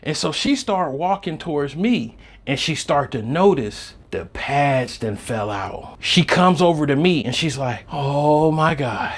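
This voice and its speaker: A man hosting a podcast, telling a comedic story and swinging between low muttering and loud outbursts. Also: lively intonation, unhurried. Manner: fills his talk with "you know what I'm saying" and "right".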